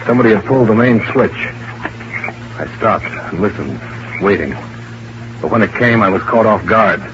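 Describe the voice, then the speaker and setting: A man's voice: fairly low pitch, expressive, moderate pace. An actor playing a hard-boiled male investigator in an old-time radio drama, narrating in terse, clipped first person. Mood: tense. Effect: old-time radio broadcast. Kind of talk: 1950s radio drama acting. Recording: muffled vintage radio broadcast with hiss.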